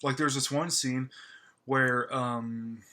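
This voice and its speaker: A man's voice: medium pitch, fairly even intonation, sharp tone. A man giving a casual spoken film review, gushing and stammering with lots of fillers and restarts. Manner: stammering, halting with many fillers; gushing and enthusiastic. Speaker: movie reviewer.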